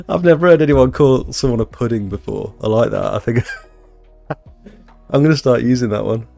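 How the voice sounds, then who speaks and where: Fairly low-pitched, gravelly and darkish, the voice belongs to a British tradesman in his thirties who cleans building exteriors. He hosts a relaxed livestream from a small bedroom used as an office, rambling, reading viewer comments aloud and replying.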